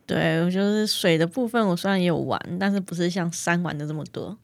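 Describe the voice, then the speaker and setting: Low-voiced woman with a Taiwanese Mandarin accent. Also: fast talker, gravelly, a little mellow, dry recording, studio quality. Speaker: podcast guest, mountaineer. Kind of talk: casual interview storytelling.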